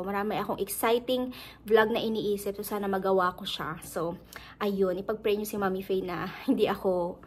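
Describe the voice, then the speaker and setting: A woman from the Philippines chatting casually to her viewers in a vlog, laughing often and mixing English words into her talk. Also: medium pitch. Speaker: vlogger.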